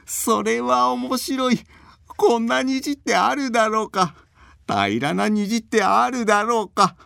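A man voicing a frail, bedridden old man in a folk tale, speaking slowly in a high, quavering voice. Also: animated, vocal fry, dry recording, studio quality, exaggerated voice. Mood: laughing. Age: older.

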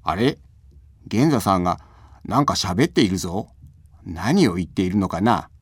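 A man's voice: deep voice, lively intonation, moderate pace, husky, no room sound, studio quality. A man voicing a kindly shape-shifting trickster. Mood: curious. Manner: grumbling to himself, then cheerful. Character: mischievous shape-shifting creature, male, kindhearted. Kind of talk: storybook reading.

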